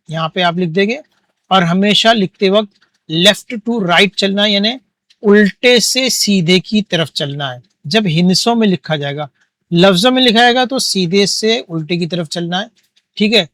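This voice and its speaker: High-voiced man teaching a maths lesson. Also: fairly bright tone, dry recording. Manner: patient, counting aloud step by step.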